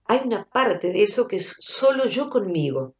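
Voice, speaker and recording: A woman with an Argentine accent giving a reflective spoken talk, thoughtful and intimate, sometimes dropping to soft murmurs. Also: mid-range voice, very animated, normal speed, echoey room. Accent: Argentine Spanish. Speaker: speaker giving a recorded talk, former psychotherapist. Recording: dull lo-fi audio.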